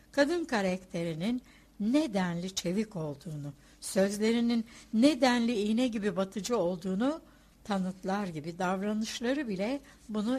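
A woman's voice: mid-range voice, darkish tone, slightly rough. Woman reading a novel aloud. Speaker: audiobook reader. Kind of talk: literary audiobook narration.

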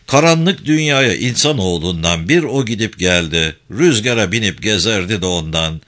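Stern old sheikh in a told folk tale, deep and forceful, as a male narrator puts him on. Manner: grave, commanding instructions.

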